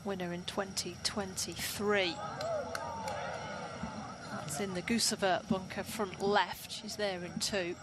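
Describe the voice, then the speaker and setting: A woman's voice: medium pitch, level tone, takes it slowly, long pauses. A woman giving live golf commentary, describing shots and scores. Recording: clear outdoor ambient noise.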